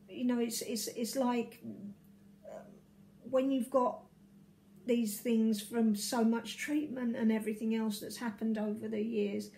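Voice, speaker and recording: A hoarse woman, a vicar, talking in a casual video diary, halting and full of fillers and restarts. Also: on the high side, mellow, low-quality recording.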